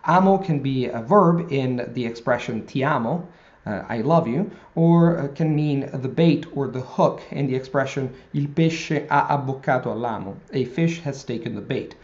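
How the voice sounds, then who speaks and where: Here an Italian-native man teaches vocabulary tips in a to-camera video lesson, addressing viewers directly. He has a medium pitch and explains at a measured pace with pauses, and the audio lacks its high frequencies.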